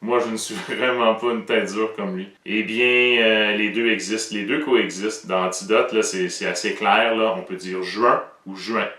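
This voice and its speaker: A man's voice: lowish voice, fairly even intonation, moderate pace, hardly any pauses, bright, forceful tone, reverberant, far from the mic. A man with a Québécois French accent, explaining pronunciation in a playful, joking way as the presenter of an educational show.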